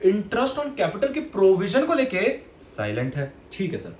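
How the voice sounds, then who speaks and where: A male teacher giving a lecture in a relaxed, playful, colloquial manner, with a fairly high voice. The recording sounds roomy and echoey, with a faint background hiss. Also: measured pace. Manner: playful, colloquial, calls students "beta". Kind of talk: classroom lecture. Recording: echoey room with faint noise.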